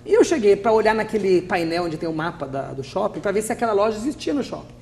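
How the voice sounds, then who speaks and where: A middle-aged Brazilian man with a Brazilian Portuguese accent, an English teacher guest telling lively stories in a TV interview and acting out what people said. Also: high voice, fast talker, vocal fry, slight background noise. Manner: animated, acts out quoted speech, laughs often. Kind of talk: TV interview storytelling.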